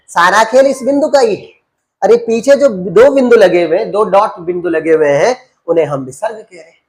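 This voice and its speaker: A man teaches a grammar lesson in a patient, drilling way. He keeps asking his students questions and answering them himself, and repeats each key term again and again. He calls them "beta". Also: high voice. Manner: addresses students as beta and babu.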